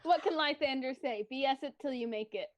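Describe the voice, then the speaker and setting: A woman's voice: sits high, a little fast. A woman playing a tabletop game, chatting and joking casually.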